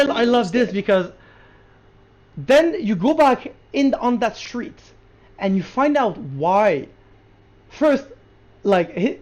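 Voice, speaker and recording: Excited podcast co-host rambling about a show, lots of restarts, dull lo-fi sound. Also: medium pitch. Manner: excited, rapid, with many restarts. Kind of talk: casual chat, film review. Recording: lo-fi podcast audio.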